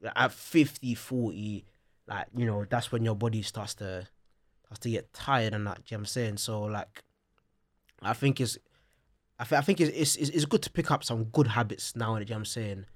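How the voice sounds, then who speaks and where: A man's voice: on the low side, normal speed. A man with a London roadman accent chatting casually on a podcast, slangy and often checking that he is understood. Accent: London, urban slang. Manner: slangy, repeats "you know what I'm saying".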